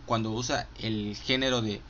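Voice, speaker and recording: A man's voice: fairly low pitch, fairly even intonation, normal speed, a bit bright, highs cut off, a little hiss or hum. A man with a Mexican accent counting down his favorite films in a casual, profane, enthusiastic monologue full of fillers. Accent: Mexican Spanish. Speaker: film reviewer.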